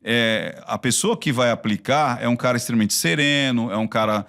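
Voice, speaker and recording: A man from Brazil with a Brazilian Portuguese accent. He is a body-language expert talking in a casual podcast conversation, telling stories in an animated way with frequent restarts. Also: mid-range voice, moderate pace, vocal fry.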